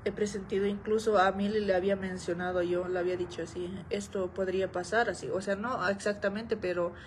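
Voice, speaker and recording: A woman's voice: mid-range voice, fairly even intonation, brisk, slight background noise, rough recording. A young woman vlogger casually telling a story to her viewers, chatty, repeating phrases and often calling out to them.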